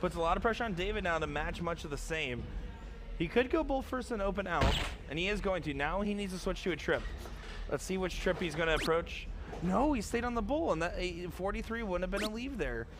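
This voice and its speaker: A man's voice: sits high, animated, a little fast, noisy background. A man doing live darts commentary, upbeat and chatty, explaining the play to viewers. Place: tournament hall.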